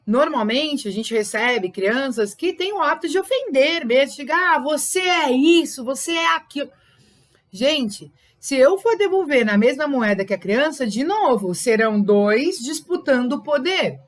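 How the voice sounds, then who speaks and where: A high-pitched woman with a Brazilian Portuguese accent talks to parents like a teacher giving a lesson. She repeats phrases for emphasis. Her voice reaches the mic from a distance in a room with a lot of echo. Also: big pitch swings, normal speed, few pauses. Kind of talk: educational talk to parents.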